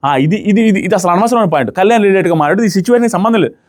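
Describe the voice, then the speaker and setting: Here a young man with a high voice and lively intonation speaks very fast while reviewing a reality show. He is emphatic and argumentative, pounding away at the same points over and over in opinionated commentary.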